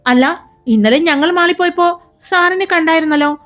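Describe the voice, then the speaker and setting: A woman voicing a young female nurse friend who talks quickly and reassuringly in a storybook reading. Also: very high-pitched, fairly bright tone, voice pushed up. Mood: concerned.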